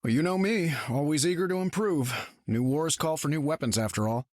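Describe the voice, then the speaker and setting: A man's voice: on the high side, fairly quick, no room sound, clean studio sound, close to an everyday voice. A man voicing a confident, wisecracking inventor superhero in a video game, wry and casual. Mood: glib, teasing. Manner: wry, casual, self-assured. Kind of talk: video game character acting.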